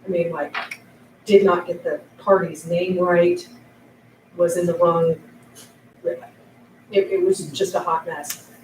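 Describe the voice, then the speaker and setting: A woman's voice: on the low side, steady tone, slow, pauses often, darkish tone, slight background noise. A woman in a mediation training class asking a candid question, thinking aloud as she describes a case. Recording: echoey room, mic far off.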